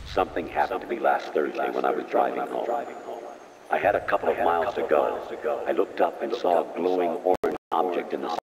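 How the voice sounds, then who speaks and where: An earnest witness telling his story in a game. The voice is extremely low and serious, with noticeable noise and clicks behind it. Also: a little fast, pauses often. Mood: earnest, uneasy. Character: earnest male witness recounting a strange sighting. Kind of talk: first-person dramatic account.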